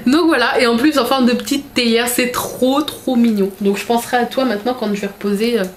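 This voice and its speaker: A woman's voice: fairly high pitch, moderate pace, slight background noise. A young woman in casual vlog chat, unboxing a gift parcel and gushing over each item with lots of fillers. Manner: chatty, gushing, filler-heavy. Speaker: vlogger.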